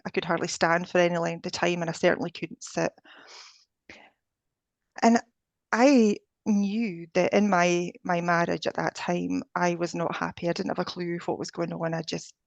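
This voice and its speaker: Scottish woman guest, low gravelly voice, dry close sound, chatty with fillers. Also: dry recording. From Scotland. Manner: chatty, with frequent fillers and restarts. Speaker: guest, ascension coach. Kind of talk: casual interview chat.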